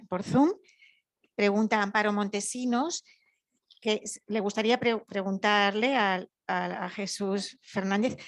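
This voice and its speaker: A woman moderator reads out questions from online attendees in a plain, measured voice. Her voice sits mid-range, and it sounds close and dry, with almost no room echo. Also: mid-range voice. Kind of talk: reading out audience questions. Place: university lecture room.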